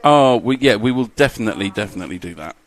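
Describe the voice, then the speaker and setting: A man's voice: lowish voice, lively intonation, fast talker. A man doing live race commentary, chatty and jokey as he reads out lap times.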